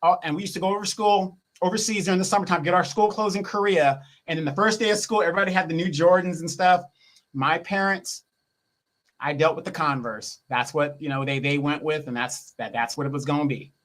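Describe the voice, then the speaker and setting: Man, high voice, livestream co-host, reflective, hesitant restarts. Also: brisk, a bit bright. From grew up in Japan. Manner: reflective, searching for words, restarts. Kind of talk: casual livestream chat.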